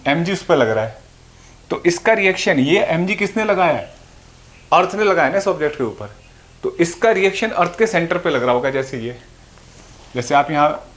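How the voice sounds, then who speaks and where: Hindi physics teacher lecturing at a board. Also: male voice, a little high, a bit bright. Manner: explains patiently, asks and answers own questions. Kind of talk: classroom lecture. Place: classroom or room with a board.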